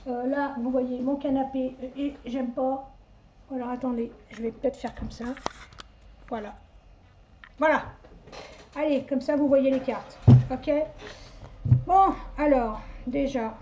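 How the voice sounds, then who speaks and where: Chatty high-voiced woman, dull lo-fi sound. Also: fairly even intonation, unhurried, long pauses, background noise. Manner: chatty, rambling, self-mocking asides. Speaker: psychic medium doing a card reading. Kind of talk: casual chatty live reading. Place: at home, indoors. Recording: dull lo-fi home recording.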